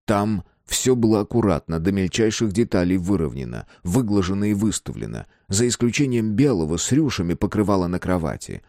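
A man narrating an audiobook in a lively, expressive reading. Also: low voice, a little fast, hardly any pauses, no echo, clean studio sound. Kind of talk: scripted narration.

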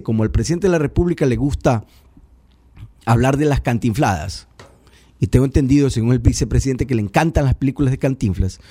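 A man's voice: medium pitch, dark tone, slightly rough, no room sound, studio quality. A man from Ecuador, giving political commentary in a sarcastic, pedantic and critical way. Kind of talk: radio-style political commentary.

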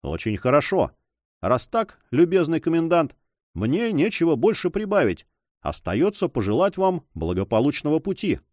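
A male reader voicing a scheming count, a prisoner who talks calmly and commands, in a storybook reading. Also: on the high side, no echo, pitched above the performer's own voice. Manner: calm, measured, commanding.

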